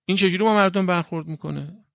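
Delivering a sermon, this cleric has a high, slightly bright voice with vocal fry. The studio-quality recording has no echo. He preaches emphatically and repetitively, frequently checking in with listeners by asking "right?"

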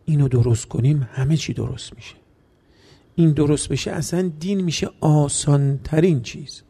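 A man preaching a sermon, moving from hushed storytelling to emotional, near-tearful outbursts in rhythmic, repeated phrases. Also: fairly high pitch, vocal fry, husky.

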